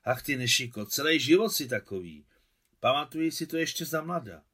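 A man's voice: medium pitch, lively intonation, fairly bright tone, slightly rough, voice pushed up. A man reading aloud and voicing a fussy, nagging old village woman. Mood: scolding. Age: older. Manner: scolding, fussy. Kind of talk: audiobook reading.

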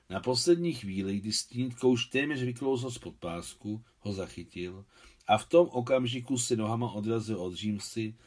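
A man, the translator, reading his own translation of a novel aloud in a calm, measured storytelling manner. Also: fairly low pitch.

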